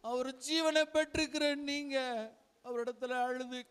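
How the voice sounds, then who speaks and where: A man's voice: very high-pitched, steady tone, unhurried, a bit bright. A male pastor preaching a fervent sermon and leading prayer, pleading with listeners and repeating his appeals to God.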